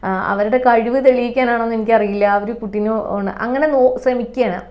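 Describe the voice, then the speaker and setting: A young mother tells her own story, earnest and emotional, often restarting and repeating herself. Her voice sits a little high for a woman. It is a casual personal monologue. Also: brisk. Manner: earnest, emotional, lively, with many restarts and repetitions. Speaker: mother sharing her experience.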